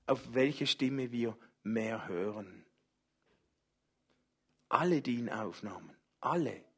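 A man preaching a sermon as pastor, speaking slowly and gently and inviting the congregation to worship. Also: medium pitch, husky. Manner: slow, gentle, speaks softly in personal address.

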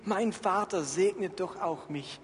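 A man's voice: sits high, slow pace, slight background noise, voice pushed up. A man reading as a grieving son, pleading. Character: grieving adult son begging his father. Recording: echoey hall, faint ambience.

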